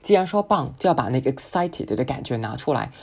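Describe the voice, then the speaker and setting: A woman whose first language is Chinese, teaching an English speaking lesson and slowly modelling words for the listener to repeat. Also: a bass voice, animated, creaky, a little mellow, husky. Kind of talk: spoken English pronunciation lesson.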